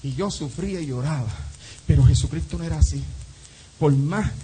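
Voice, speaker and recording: A male pastor preaching an evening sermon, firing off repeated rhetorical questions and swinging between shouts and hushed asides. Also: a little high, moderate pace, slight background noise, low-quality recording. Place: church.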